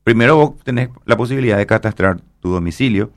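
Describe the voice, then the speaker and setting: A man's voice: lowish voice, fast. A man explaining things at length, with many fillers and tag questions. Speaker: guest. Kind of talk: explaining an app in a radio interview.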